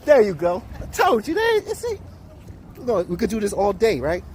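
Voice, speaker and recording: A man's voice: sits high, wildly swooping pitch, normal speed, darkish tone. A man filming casual street interviews on a handheld phone, talking in chatty street slang, out on city streets and in a car. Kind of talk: casual street vox pop.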